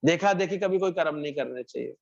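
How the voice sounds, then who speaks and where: Talking fast with vocal fry, a fairly high-pitched man preaches at a satsang. He narrates a devotional parable, acting out what the characters say and repeating phrases for emphasis, all captured in muffled, lo-fi audio.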